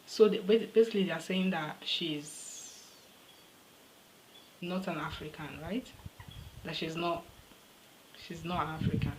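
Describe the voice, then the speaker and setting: Woman host, casual reaction chat, slightly low voice, faint background noise, thinks out loud. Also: fairly even intonation, unhurried, pauses often, low-quality recording. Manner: chatty, thinks aloud, second-guesses herself.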